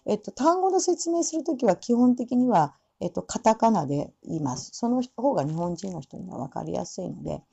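A woman teaching English pronunciation, repeating phrases slowly and pausing on fillers as she demonstrates sounds. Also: medium pitch, mellow, breathy edge, dull audio. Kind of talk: spoken lesson with demonstrations.

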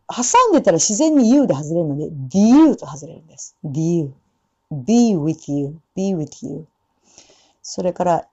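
A woman teaching English pronunciation, explaining sounds and slowly repeating example phrases. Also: fairly low pitch, dark tone. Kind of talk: pronunciation lesson. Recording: dull lo-fi sound.

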